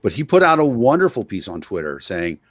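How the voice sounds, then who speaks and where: Low-voiced man hosting, dry sound. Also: sing-song, a little fast, dry recording. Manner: conversational, with frequent hesitations. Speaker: guest host. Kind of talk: interview hosting.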